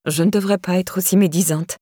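A frail, kindly old lady who talks in a gentle, chatty way and frets easily, as a woman reads her in an audiobook. The voice sits a little higher than the reader's own. The recording is dry and close. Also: fairly even intonation, brisk, no room sound, lightly acted. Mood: sober. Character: old woman, frail and fretful but kind. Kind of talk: audiobook character reading.

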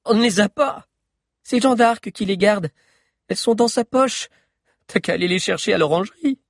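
A man's voice: sits high, very animated, quick pace, no echo, clean studio sound, pitched above the performer's own voice. A man voicing a quarrelsome teenage girl guard who trembles and stammers as she pushes back. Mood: defiant.

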